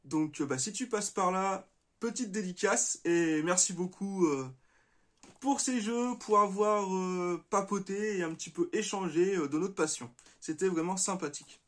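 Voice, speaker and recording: A man's voice: high voice, measured pace, fairly bright tone. Hesitant, chatty man hosting a vlog. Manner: hesitant, many filler sounds; friendly, chatty toward viewers. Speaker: retro gaming channel host. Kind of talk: casual vlog showing game purchases.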